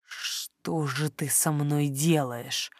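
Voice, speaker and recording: A woman reading an audiobook voices a possessive, hot-tempered male dragon lord in a low, hushed, intense voice. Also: a little slow, lightly acted. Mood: tender, hushed.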